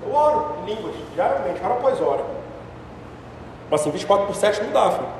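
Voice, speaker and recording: High-voiced pastor shouting in an echoey hall. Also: male voice, fast, a little hiss or hum. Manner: animated, mocking, swings between shouting and soft asides. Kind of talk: sermon. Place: church hall. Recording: echoey hall, far from mic.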